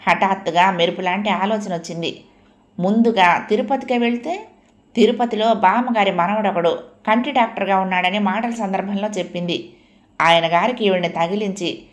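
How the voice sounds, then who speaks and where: A woman narrating a comic novel as an audiobook, telling it in a lively storytelling way. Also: lowish voice. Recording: roomy echo.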